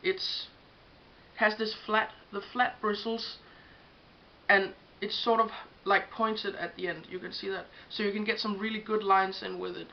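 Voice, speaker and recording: A gravelly, unhurried mid-range voice with fairly even intonation belongs to a young Danish makeup vlogger speaking English as a second language. She shows her brushes casually and hesitantly, with many ums. The home recording sounds dull and lo-fi, with a faint hiss.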